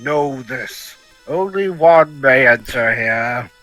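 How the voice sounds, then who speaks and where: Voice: mid-range voice, expressive, slow, fairly bright tone, soft background music, rough recording. A man reading a humble thief from a fairy-tale video game in a theatrical, solemn way.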